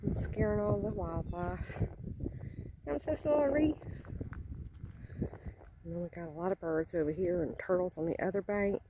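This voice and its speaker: A woman's voice: on the low side, steady tone, fairly quick, few pauses, noisy background. A woman chatting to viewers while walking by a lake, a little out of breath. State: slightly out of breath. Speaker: vlogger. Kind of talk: casual vlog narration. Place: outdoors by a lake, woods.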